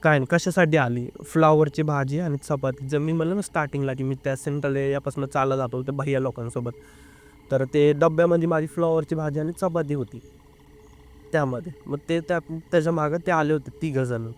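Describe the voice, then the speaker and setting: A man's voice: on the high side, steady tone, a little mellow. Earnest young man recounting a story. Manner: earnest, halting, with filler sounds. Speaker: interview guest. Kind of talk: casual first-person storytelling.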